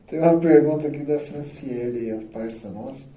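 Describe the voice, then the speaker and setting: A man's voice: mid-range voice, normal speed, warm tone. A man hosting a podcast, chatting casually with his guest in a teasing, jokey way. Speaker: podcast host. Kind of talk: casual interview chat. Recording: roomy, distant mic, faint noise.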